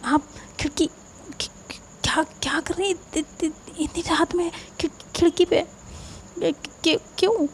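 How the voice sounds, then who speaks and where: A woman's voice: on the high side, fairly even intonation, normal speed, creaky, warm tone, a little hiss or hum. A woman storyteller voicing a caring young woman who worriedly scolds her lover. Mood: alarmed scolding.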